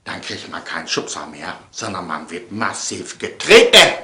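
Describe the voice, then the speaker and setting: In a deep, sing-song voice that is bright and forceful, an online show host delivers a comedic monologue to viewers at a moderate pace. He plays it theatrically, repeating phrases for emphasis, in an echoey room.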